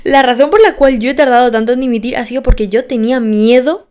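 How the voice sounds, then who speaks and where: Emphatic nineteen-year-old woman, fairly high voice. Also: fast, a little mellow. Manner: emphatic, repeats phrases for stress; candid and personal, self-deprecating. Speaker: podcast host. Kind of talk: casual motivational monologue.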